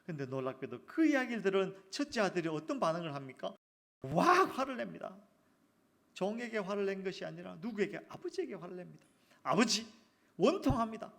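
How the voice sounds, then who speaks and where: A male pastor preaching a sermon in a church, animated and asking the congregation questions. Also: high-pitched, a little fast, creaky. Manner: animated, acts out quotes, asks the congregation questions.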